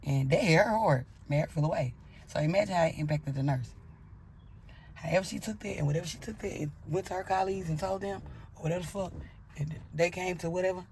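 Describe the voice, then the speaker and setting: A woman's voice: fairly low pitch, fast talker, darkish tone, slight background noise. A woman telling a personal story in a blunt, profane way, acting out her own angry outbursts as she goes.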